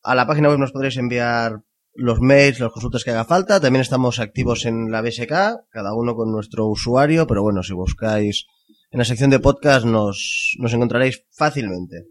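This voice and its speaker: A man's voice: medium pitch, brisk. A man co-hosting a podcast in casual, colloquial chat. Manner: informal, colloquial. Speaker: podcast co-host.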